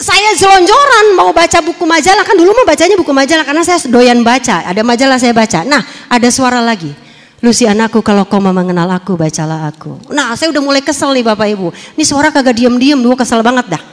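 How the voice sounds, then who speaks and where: High-voiced woman, animated testimony to the congregation, in a reverberant hall. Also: fairly quick. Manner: lively, animated storytelling, addressing the audience directly. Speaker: testimony speaker.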